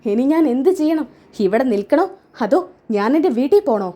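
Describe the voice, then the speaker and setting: A wounded young wife speaks with bitter defiance, voiced by a woman narrator. Her voice sits high and bright. It is barely set apart from the reader's own voice. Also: expressive, brisk. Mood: hurt, bitter. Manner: sobbing, bitter, defiant complaints. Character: young wife, hurt and angry.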